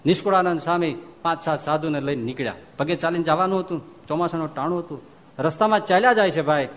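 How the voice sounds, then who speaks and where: A man, a monk giving a devotional storytelling sermon, animated and acting out the speech of the people in his story. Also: fairly high pitch, quick pace. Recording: long hall reverb.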